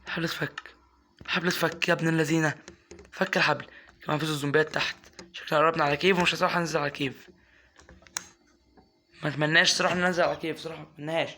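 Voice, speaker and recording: Young Egyptian man, gaming commentary, quick and slightly high, chatty and exasperated with his pet. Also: slight background noise. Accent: Egyptian Arabic. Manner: chatty, coaxing and scolding his in-game pet, flaring into excited yelps. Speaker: gaming YouTuber. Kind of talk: casual gameplay commentary.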